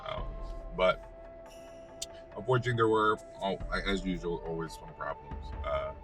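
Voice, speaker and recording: An American man, a vlogger, casually telling a personal story in a halting, rambling way with self-corrections. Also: low-pitched, animated. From United States. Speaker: vlogger and former basketball player. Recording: distant mic, music behind.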